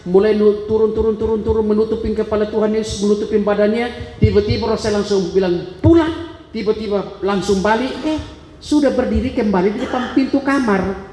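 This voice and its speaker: High-voiced man preaching in an echoing hall. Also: fairly even intonation, fairly quick, a little mellow. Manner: dramatic storytelling, acting out voices and gasps. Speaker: preacher giving a testimony. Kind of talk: sermon testimony. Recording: echoey hall reverb.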